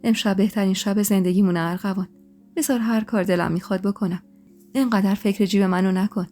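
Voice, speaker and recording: Woman doing a teasing jealous young husband, warm mellow voice, story podcast w/ soft music. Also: mid-range voice, fairly even intonation, natural voice. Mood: tender. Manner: teasing, bantering. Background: faint music.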